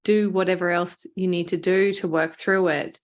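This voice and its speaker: With a lowish voice, fairly even intonation and normal speed, a woman hosts a conversational podcast interview. She runs a marketing agency and keeps her tone encouraging and affirming.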